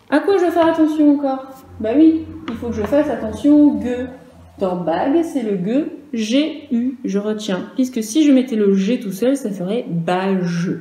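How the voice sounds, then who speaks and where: A woman's voice: mid-range voice, warm tone. Echoey patient teacher woman, spelling sounds. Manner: clear, patient, stresses each sound and letter; speaks to children and parents in turn. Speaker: first-grade teacher. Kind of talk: recorded virtual class lesson.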